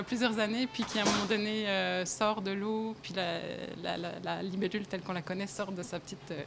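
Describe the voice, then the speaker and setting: Interviewed indoors at her café, a young café owner from Belgium chats casually, her medium-pitched voice fairly bright. She hesitates frequently, fills gaps with fillers, and lets out small laughs often, while a little hiss or hum sits in the background.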